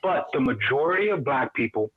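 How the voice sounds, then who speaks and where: A man's voice: mid-range voice, expressive, brisk, dry recording. A man on an online call with a choppy, breaking-up connection, pressing to get his point across in a casual debate. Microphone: online call audio. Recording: tinny, husky phone-like call audio.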